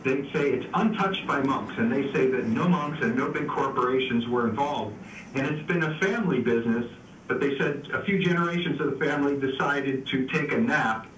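A man's voice: mid-range voice, normal speed, fairly bright tone. Male radio contributor, easygoing and chatty with lots of restarts, sounding distant and echoey. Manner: easygoing, explains with frequent "uh" and restarts. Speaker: beer news contributor. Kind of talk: casual radio chat. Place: remote call into a radio show. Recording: echoey, distant, faint background noise.

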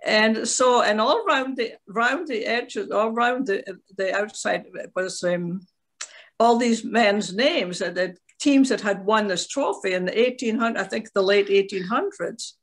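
An older woman from Scotland, telling stories in a halting, rambling way on a video call from her tablet at home. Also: medium pitch. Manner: rambling, halting, with frequent restarts and soft laughs. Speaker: interviewee, veteran curler. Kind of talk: casual video call interview.

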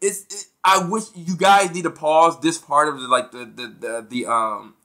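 A man co-hosting a music podcast in casual chat, excitable and rambling, with many restarts and fillers. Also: on the high side, normal speed. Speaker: podcast co-host.

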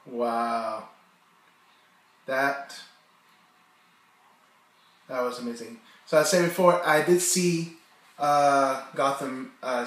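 A man's voice: mid-range voice, a bit bright. Rambling man far from the mic. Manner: rambling, hesitant, many fillers and restarts. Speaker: reaction channel host. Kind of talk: casual reaction commentary. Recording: echoey room, distant from the mic.

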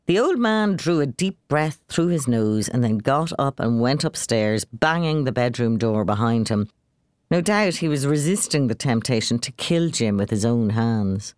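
A narrator reading a short story aloud in an expressive, measured way. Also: mid-range voice, no room sound, clean studio sound.

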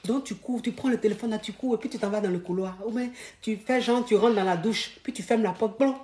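A woman giving relationship advice in a lively, emphatic monologue, acting out scenes and repeating points for emphasis. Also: medium pitch, brisk.

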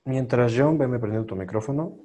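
A man teaching English pronunciation in an online class, patiently repeating sounds slowly for his students. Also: medium pitch, dark tone.

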